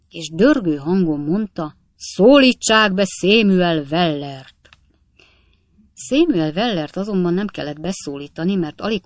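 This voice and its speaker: A woman with a fairly low voice reads a classic novel aloud. Her storytelling is lively and expressive, with the voice close and dry. It is an audiobook narration. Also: no echo.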